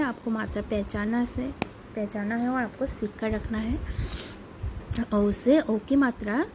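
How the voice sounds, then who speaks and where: A woman's voice: on the high side, darkish tone, slight background noise, low-quality recording. A woman teacher giving a lesson to young pupils, patiently repeating words and sounds for them. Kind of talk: online class lesson for children.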